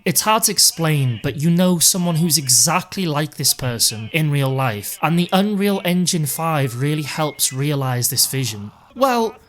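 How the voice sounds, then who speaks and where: A man narrating a scripted video game review, conversational and animated in places. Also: fairly high pitch.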